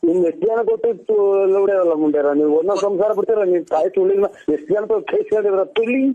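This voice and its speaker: A man's voice: high-pitched, fast talker, phone-quality sound. A man with a Doddaballapur Kannada accent answering a prank call. He curses and fires back at the caller. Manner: cursing and retorting.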